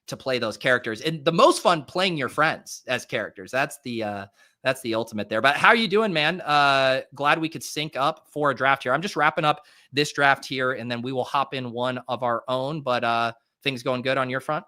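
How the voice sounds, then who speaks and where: A man with a nasal, mid-range voice and a bright, forceful tone hosts a live stream, drafting fantasy football players. He chats casually and thinks aloud rapidly, using many fillers.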